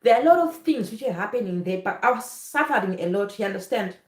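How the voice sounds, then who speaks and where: A woman talks straight to her viewers in a personal, earnest vlog, often pausing to ask if they understand. Her voice sits in a middling range. The recording has a noticeable roomy echo. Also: medium pitch, animated. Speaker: nurse vlogger. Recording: echoey room.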